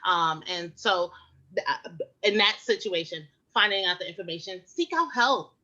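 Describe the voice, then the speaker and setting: Woman health educator, casual and candid, bright tone, muffled lo-fi capture. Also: lowish voice, normal speed. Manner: animated, frank, with many fillers and rhetorical questions. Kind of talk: casual conversational advice. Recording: muffled lo-fi recording.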